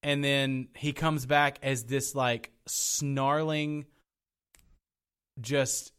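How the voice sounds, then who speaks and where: Podcast co-host, male, mid-range voice, animated and rambling with restarts. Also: mid-range voice, extremely slow, clear, resonant tone. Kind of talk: casual chat.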